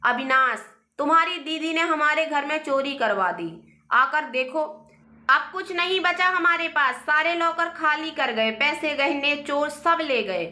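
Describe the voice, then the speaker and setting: A woman voicing an angry, quarrelsome young wife who shouts accusations, in a roomy echo. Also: high voice, unhurried.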